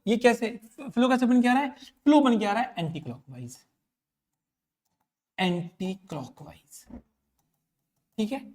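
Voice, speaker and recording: A male physics teacher giving an explanatory lecture. He repeats key points and checks understanding with quick questions. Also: sits high, a little mellow.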